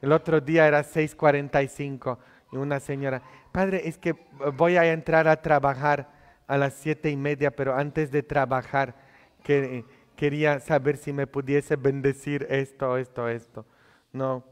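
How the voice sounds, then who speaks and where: His voice is mid-range, smooth and level, a little slow: a priest in his thirties, not native to Spanish, preaching a chatty homily full of tag questions from the altar. The church adds long reverb.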